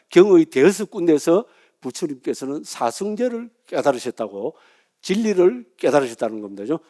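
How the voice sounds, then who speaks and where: A man's voice: a little high, warm tone. A middle-aged man, a Buddhist monk giving a lecture in a chatty way, often asking his listeners "right?" and laughing at himself.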